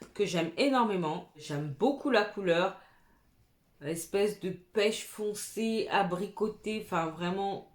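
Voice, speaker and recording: A young woman talking casually and enthusiastically to her viewers about her makeup, often saying "voilà". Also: mid-range voice. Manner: chatty, enthusiastic, fills with "voilà". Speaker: beauty youtuber. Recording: echoey room.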